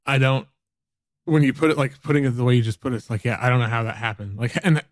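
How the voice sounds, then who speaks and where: A man's voice: mid-range voice, fast, no room sound, studio quality. A man in his forties hosting a podcast, chatting casually in a hesitant, agreeable way that trails off. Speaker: podcast host. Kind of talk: casual conversation.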